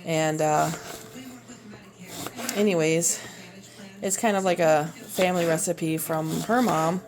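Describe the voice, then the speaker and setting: In her home kitchen, a Minnesota-accented woman in her thirties, who homeschools and vlogs about cooking, chats while chopping vegetables, recorded on a phone propped on the counter. She has a low, darkish voice with a steady tone, and her talk is rambling and halting, packed with fillers.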